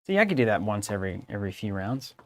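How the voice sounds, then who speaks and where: A man's voice: fairly low pitch, big pitch swings, quick pace. A young man co-hosting a card game live stream, narrating each play like a playful sports commentator. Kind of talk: casual playthrough banter with mock commentary. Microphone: studio microphone.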